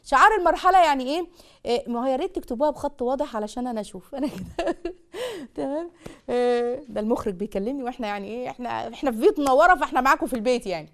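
A woman with an Egyptian accent hosting a call-in parenting advice show, giving fast and emphatic advice like a teacher. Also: high-pitched, expressive. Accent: Egyptian Arabic.

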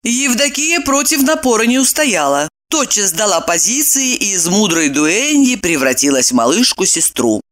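Expressive woman narrating an audiobook. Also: medium pitch, moderate pace, hardly any pauses. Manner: expressive storytelling.

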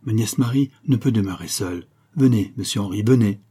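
A man reading a novel aloud, voicing a loyal, gruff Breton servant who gives firm, urgent commands. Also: on the low side, brisk, warm tone.

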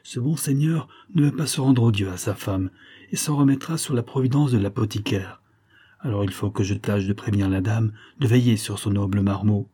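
A man voicing an anxious, cunning country bonesetter who speaks in hushed, confiding whispers. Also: fairly low pitch, normal speed, breathy edge. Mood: wary.

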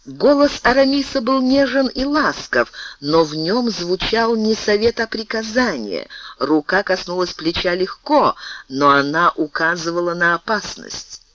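Expressive male audiobook narrator, lively. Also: high-pitched, a little slow, highs cut off. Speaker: audiobook reader.

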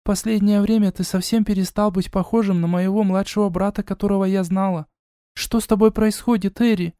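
A man's voice: sits high, fairly even intonation, brisk, mellow, clean tone, no echo, clean studio sound, voice pushed up. A man voicing an earnest, anxious young woman, the hero's elder sister, with an emotional, pleading way of speaking. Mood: sad, pleading.

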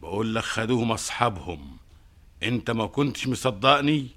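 A man's voice: lowish voice, big pitch swings, brisk, a bit bright. An Egyptian-accented man playing an enigmatic, knowing stranger in a fantasy drama, explaining things in a dry, patient, cryptic way. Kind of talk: theatrical fantasy radio drama.

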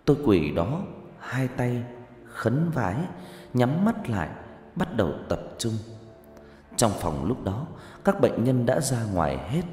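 A man narrating a first-person story in a lively, conversational way. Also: mid-range voice, slow pace, long pauses. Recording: echoey room with faint music.

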